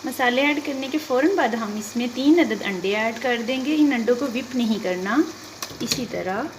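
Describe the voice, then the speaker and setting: A woman's voice: a little high, normal speed, background noise. A woman with a Pakistani Urdu accent hosting a cooking channel, politely talking through a recipe step by step in a kitchen. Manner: polite, methodical, lists quantities step by step. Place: kitchen at the stove. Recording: frying and sizzling behind the voice. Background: sizzling oil and stirring.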